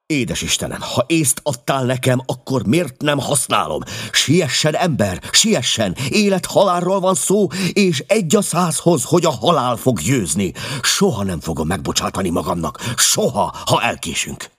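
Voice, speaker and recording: A man voicing a restless, brilliant male detective who barks urgent orders, pitched higher and louder than his own reading voice. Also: huge pitch swings, dry recording, clean studio sound, full character voice.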